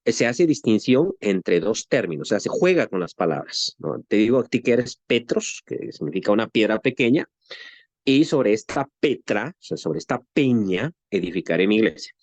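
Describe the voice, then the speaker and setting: Leading a Bible lesson in a chatty style, a man from Guatemala uses a western Guatemalan Spanish accent, throwing out rhetorical questions and often ending with "¿no?". His voice sits on the low side and has a sing-song lilt, at a moderate pace with no echo.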